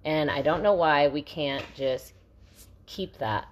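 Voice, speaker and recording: A woman's voice: low voice, takes it slowly, a little hiss or hum. A middle-aged woman co-hosting a podcast, talking in a blunt, venting way and swearing freely in casual chat. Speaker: podcast co-host.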